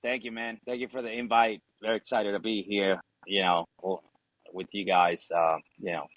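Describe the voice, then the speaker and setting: An Ecuadorian Spanish speaker in his forties, a Marine veteran, chats easygoingly as a podcast guest, leaning on fillers and swearing some. His voice is fairly low and fairly bright, with little pitch movement, at a moderate pace. There's no room sound, and the highs are cut off.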